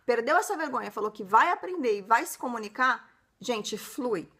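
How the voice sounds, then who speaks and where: A woman hosting a casual video lesson, chatty and encouraging, often tagging her sentences with a quick question. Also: on the high side, animated, bright, forceful tone, slightly rough. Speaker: English teacher and channel host.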